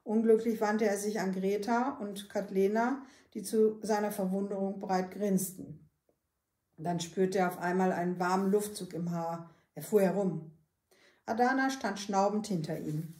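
A woman, a librarian, reading a children's book aloud with calm, steady storytelling. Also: mid-range voice, unhurried, echoey room.

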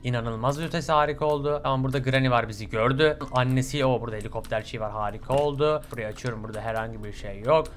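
A young man commentating his own horror game playthrough, swearing often, bursting into yells and slipping into English curses. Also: mid-range voice, racing, hardly any pauses, a little hiss or hum. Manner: excitable, swears a lot, sudden yelling outbursts. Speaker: gaming channel host. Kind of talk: let's play commentary.

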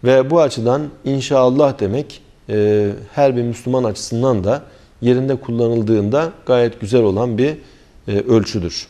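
A middle-aged man giving a religious lecture on scripture, speaking with deliberate care and pausing often as he thinks. His voice is mellow and warm, sitting at an ordinary male pitch. He sounds like a teacher patiently explaining verses to a class. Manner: measured explanatory delivery with frequent hesitations; recites Arabic verses then translates. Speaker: Quran commentary teacher.

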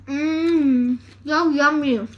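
A woman's voice: high-pitched, fairly even intonation, very slow, muffled recording, a little hiss or hum. A woman eating on camera, talking with her mouth full of chicken and murmuring with enjoyment as she savors each bite. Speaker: mukbang co-host. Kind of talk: casual eating commentary.

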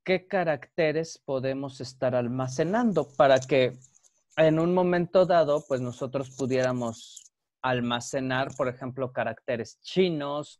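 A man's voice: medium pitch, no room sound. A man giving a university lecture, explaining step by step in a patient way and often checking that students follow. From Mexico. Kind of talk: online class lecture.

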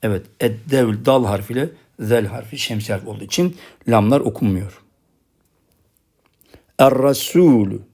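Male teacher with a Turkish accent. Recorded lesson, slow drilled pronunciation, quick explanations. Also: lowish voice, a little mellow, breathy edge. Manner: pronounces each example word slowly twice, then explains quickly. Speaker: Arabic writing teacher.

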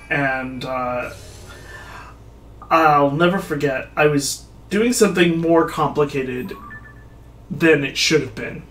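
A man streaming a video game, chatting casually, mocking himself, swearing and breaking into sudden excited outbursts. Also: a little high. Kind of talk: casual let's-play commentary.

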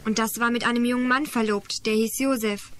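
A woman voicing a patient girl who tells a story calmly and scolds when interrupted, in 1980s radio drama acting. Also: a little high, fairly quick, close to an everyday voice. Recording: noisy old tape recording.

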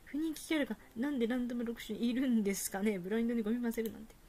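A woman's voice: a little high, rapid-fire, mellow, slight background noise, close to an everyday voice. A woman voicing a blunt, tactless teenage otaku boy as she reads game dialogue aloud. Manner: cheerfully tactless, matter-of-fact.

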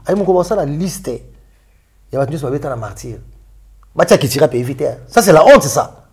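Animated man, high-pitched. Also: normal speed. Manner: animated, mixing French and Lingala. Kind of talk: casual chat.

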